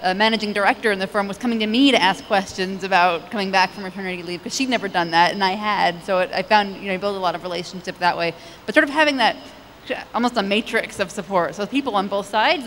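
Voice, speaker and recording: A woman's voice: medium pitch, fairly bright tone. A woman in her thirties speaks on a conference panel, loose and conversational with many restarts. Her handheld mic carries a long hall reverb. A faint hiss sits underneath. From United States. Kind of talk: panel discussion answers. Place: large conference stage. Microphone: handheld microphone.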